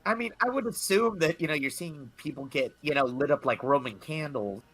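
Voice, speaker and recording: A man's voice: a little high, animated, brisk, a bit bright, slightly rough. A man in a casual reaction chat, talking with many "um"s and "you know"s.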